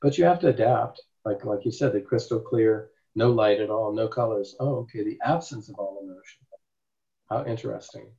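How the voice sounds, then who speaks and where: A man's voice: on the low side, normal speed, gravelly, dark tone. A man, a therapist, giving an informal class to a group. He talks emphatically and rambles, and he often asks rhetorical questions. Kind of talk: informal teaching talk. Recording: dull lo-fi recording.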